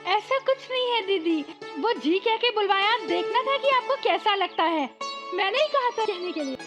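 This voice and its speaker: Teasing giggly girl, super high voice, music behind. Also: animated, normal speed. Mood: playful. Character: playful young woman, teasing and cheerful. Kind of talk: Hindi film dub. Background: film score.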